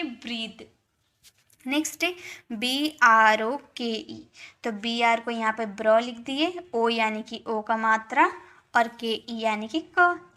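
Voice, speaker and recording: A woman with an Indian accent and a bright, forceful voice, pitched a little high. She teaches an English spelling lesson at a deliberate, unhurried pace, spelling out letters and repeating each word several times.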